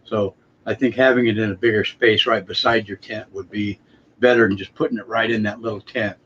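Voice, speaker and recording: A man co-hosting a casual live chat about home growing. He rambles along in a folksy, unhurried conversational way. The sound is slightly dull, with faint noise behind him. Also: lowish voice, fairly even intonation, a bit bright. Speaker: live stream co-host. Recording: muffled, noisy live-stream audio.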